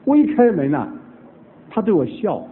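A man preaching, telling a family conversion story with lively acted-out dialogue. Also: high-pitched, normal speed, background noise. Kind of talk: sermon testimony storytelling. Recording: tinny phone-like old recording.

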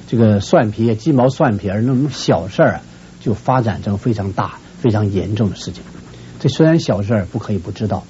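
A man from Shenyang, a family counselor giving earnest, admonishing advice to viewers. His pitch jumps up sharply whenever he stresses a point. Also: mellow, lo-fi sound, slight background noise. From Shenyang, northeast China. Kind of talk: advice talk to a viewing audience.

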